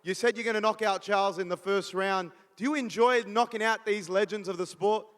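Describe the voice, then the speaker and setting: A man's voice: high-pitched, a little fast, fairly bright tone, slight background noise. A man, a reporter putting questions at a press conference, recorded with long hall reverb.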